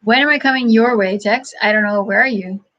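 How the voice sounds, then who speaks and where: A woman hosts a casual livestream, answering questions from chat in a halting way, thinking aloud and chuckling often. Her voice is medium-pitched, and the recording's highs are cut off.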